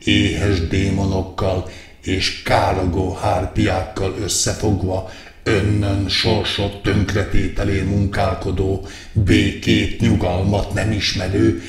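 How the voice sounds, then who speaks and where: Pompous male wizard-doctor played by a man: low, declaiming a mock meditation sermon from far off in a reverberant hall over music. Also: level tone. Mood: preachy. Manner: declamatory, piles up long lists of verbs. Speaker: meditation therapist in a satirical video. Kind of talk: satirical guided meditation sermon.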